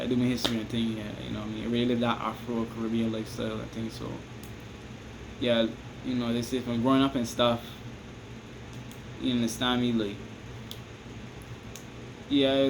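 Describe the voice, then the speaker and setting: Speaking at a normal speed and mid-level pitch, this Barbadian man delivers a rambling advice monologue to camera as a vlogger. He restarts frequently, loops back on his points and checks in with "you understand me?" over a constant hiss and air-conditioner hum.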